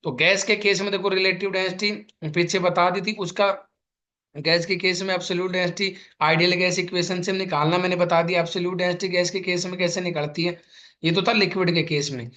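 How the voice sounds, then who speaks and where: High-voiced man teaching chemistry. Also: little pitch movement, fairly quick, sharp tone. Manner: calls students "beta", explains patiently with repeated questions. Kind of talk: exam-prep lecture.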